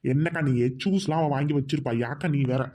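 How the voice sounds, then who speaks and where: A voice actor playing a chatty woman friend of the bride in a cartoon, who flatters her older friend. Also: medium pitch, close to an everyday voice. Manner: quick, flattering.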